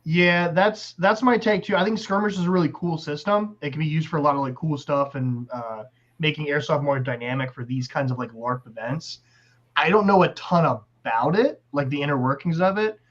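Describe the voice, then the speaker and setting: A man's voice: on the high side, moderate pace. Laid back guy guest, chuckles a lot, kinda muffled lo-fi sound. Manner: easygoing, laughs often. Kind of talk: casual chat. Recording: dull lo-fi audio.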